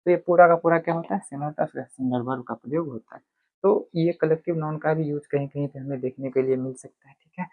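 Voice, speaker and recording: A man teaches a grammar lesson, asking himself questions and answering them step by step. His voice sits a little high. The sound is thin and phone-like, with no room echo. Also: fairly even intonation, quick pace. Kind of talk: classroom lecture. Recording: tinny phone-like dry sound.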